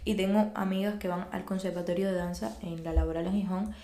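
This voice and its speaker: A woman's voice: on the low side, brisk. A young woman with a Cuban Spanish accent, chatting casually as a podcast guest and acting out quoted dialogue as she tells stories. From Cuba. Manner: animated storyteller, acts out quoted dialogue. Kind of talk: casual chat. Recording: roomy echo.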